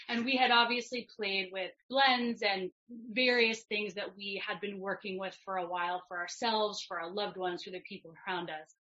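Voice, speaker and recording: Bright-voiced, thoughtful woman in conversation. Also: medium pitch, dull audio. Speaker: podcast guest and herbal business co-founder. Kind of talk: reflective conversational talk.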